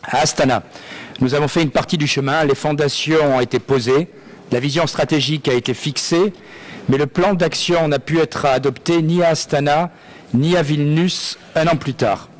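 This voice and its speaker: French guy making a formal speech to the assembly, measured, a bit higher voice. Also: fairly even intonation. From France. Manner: measured, rhetorical delivery. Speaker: parliamentary delegate. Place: assembly hall.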